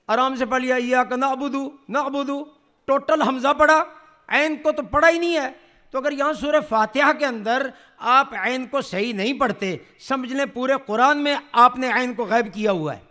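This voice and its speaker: A man's voice: very high-pitched, pushed and bright. A man teaching Quran recitation to a group, correcting pronunciation and leading drills where they repeat after him. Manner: leads call-and-response, asks the group to repeat. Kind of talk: classroom tajweed lesson.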